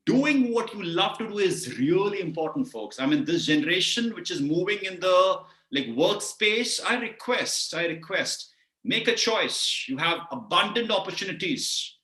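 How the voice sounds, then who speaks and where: Indian guy coaching on a webinar, slightly high voice, lots of vocal variety, echoey room. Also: moderate pace. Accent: Indian English. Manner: animated, lots of vocal variety, keeps asking the audience questions. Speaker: career coach giving a webinar talk. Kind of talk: live webinar talk on public speaking.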